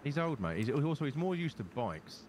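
A man's voice: mid-range voice, big pitch swings, normal speed, darkish tone. A British man chatting in character in a game, sweary and matey, over noisy game ambience. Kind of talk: improvised in-character game chat.

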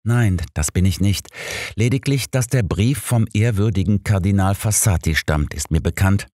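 A polite, reserved priest answers with quiet deference in a low voice, as a man reads him aloud. The audiobook sound is dry and close. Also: moderate pace, no echo, natural voice. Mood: courteous. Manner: courteous, deferential.

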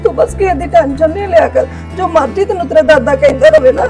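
A woman's voice: high-pitched, fast talker, over music. A woman playing a tender, worn-down mother who keeps comforting her blind daughter with repeated reassurances. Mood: consoling. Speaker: actor in a family short film. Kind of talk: melodramatic village drama acting.

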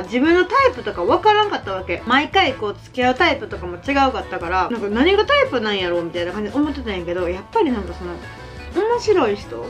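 A young woman with a Kansai accent, chatting casually and giggling as she eats at the table for her vlog. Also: fairly high pitch. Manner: chatty and giggly, self-deprecating. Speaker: vlogger. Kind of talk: casual chat while eating. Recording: background music under the voice.

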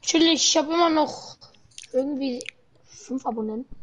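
A woman's voice: sits high, normal speed, a little hiss or hum. A young woman casually chatting and joking with a friend while livestreaming a console game. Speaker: livestream host. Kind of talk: casual gaming stream chat.

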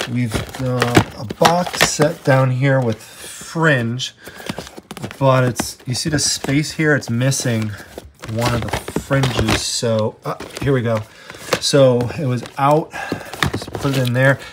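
Heavy background noise surrounds this treasure-hunting vlogger as he films a casual first-person walkthrough of an estate sale house on a handheld camera. His voice is mid-range, and his chatter is filled with "I mean" and "you know."

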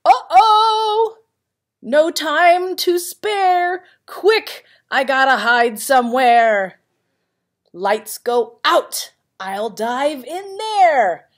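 Reading very slowly, this vice principal brings a children's picture book to life for her young pupils with playful drama and friendly side comments. Her voice sits high and is full of expression.

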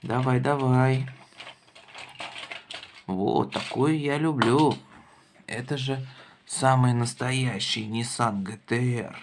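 A man with a mid-range voice talks slowly and fairly evenly, leaving long pauses as he plays with a child at a wooden table indoors. Running a toy car show, he asks the child questions in simple, playful phrases, sounding encouraging and curious. The home recording is noisy, with toys clicking throughout.

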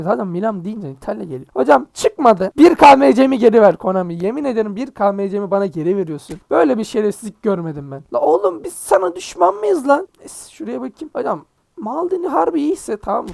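A young man casually commentating his mobile football game pack openings, excitable and joking, groaning and swearing at bad pulls. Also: high voice, vocal fry, no room sound.

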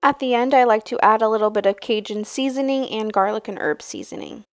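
A young woman hosting a cooking channel, explaining each recipe step in a relaxed, casual voice-over. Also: fairly high pitch, brisk.

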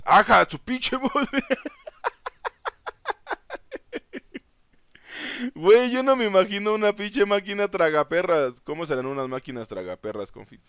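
A man with a Mexican Spanish accent giving excitable, profane gameplay commentary and reading game text aloud. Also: on the high side, clean tone, no room sound. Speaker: gaming YouTuber.

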